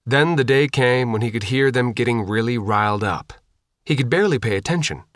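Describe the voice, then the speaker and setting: A man's voice: medium pitch, a little fast, fairly bright tone, no echo, studio quality. A man reading an audiobook in a plain, matter-of-fact storytelling voice. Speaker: audiobook narrator. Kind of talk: scripted audiobook narration.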